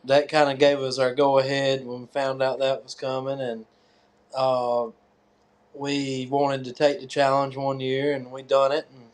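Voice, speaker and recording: A man with a Southern US accent gives casual interview answers. His pitch is average, and he speaks haltingly, feeling his way through each thought. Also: completely flat delivery. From North Carolina, USA. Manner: hesitant, halting. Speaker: tractor pull competitor and track organizer.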